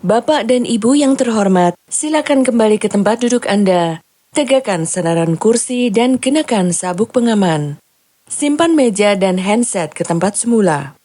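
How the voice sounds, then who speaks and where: A woman's voice: fairly high pitch, mellow, dry recording. A woman reading a scripted plane cabin announcement as the cabin announcer.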